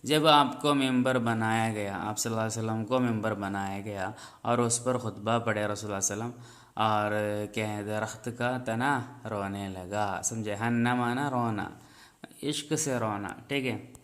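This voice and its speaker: Man, lowish voice, religious teacher, classroom lesson on an Arabic text, halting delivery with fillers, keeps checking "understood?". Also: fairly even intonation, a bit bright. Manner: halting, searching for words with fillers.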